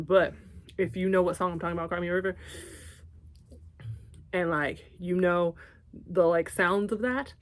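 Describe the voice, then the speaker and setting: A young woman with a Southern drawl talks casually to her viewers, animated and full of asides. Her voice sits a touch low for a woman. It sounds like a relaxed vlog chat. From Texas, United States. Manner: chatty and animated, with asides and laughs. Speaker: vlogger.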